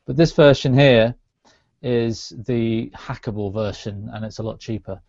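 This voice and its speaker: Laid back podcast guy, mellow dark voice, lots of ums, dry lo-fi call. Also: medium pitch, no room sound. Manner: relaxed, halting with fillers. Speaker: podcast co-host. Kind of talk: casual chat. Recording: dull, dry lo-fi call audio.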